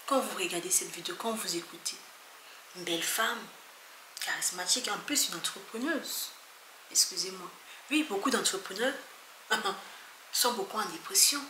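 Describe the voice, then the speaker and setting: A woman's voice: medium pitch, moderate pace, long pauses. Earnest woman vlogger, echoey room. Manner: earnest, emphatic, often soft and hushed. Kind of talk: earnest talk to camera. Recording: echoey room with faint background noise.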